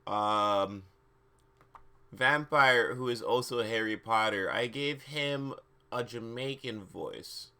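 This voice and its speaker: A man with a smooth, bright, forceful mid-range voice reads fan fiction aloud slowly on a livestream. The reading is dramatic and theatrical, punctuated by incredulous, exaggerated asides that mock the text.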